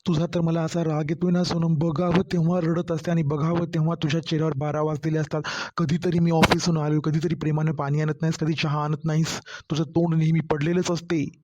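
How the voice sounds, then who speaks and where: Irritable cartoon husband with a Marathwada Marathi accent, played by a man, flat, slightly high, dull lo-fi sound. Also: brisk, hardly any pauses, a little hiss or hum, lightly acted. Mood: irritated. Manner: irritated, complaining. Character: irritable young husband back from office. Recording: dull lo-fi audio.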